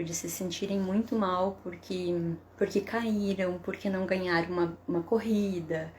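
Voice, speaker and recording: A woman psychotherapist giving parenting advice in a live stream, explaining calmly and often checking in with a tag question. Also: medium pitch, a little hiss or hum. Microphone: webcam or phone for a live stream.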